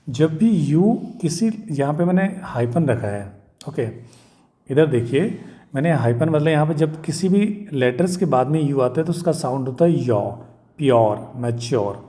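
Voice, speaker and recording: A male teacher, patiently explaining vowel sounds and slowly repeating example words. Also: fairly high pitch, mellow. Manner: mixes Hindi with English words. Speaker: English teacher.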